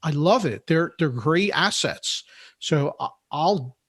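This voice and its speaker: Man, somewhat high voice, podcast guest, measured explainer, dry close sound. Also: expressive, fairly bright tone, slightly rough, no room sound. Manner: measured, explanatory, repeats words while thinking. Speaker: podcast guest, note investor. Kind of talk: interview conversation.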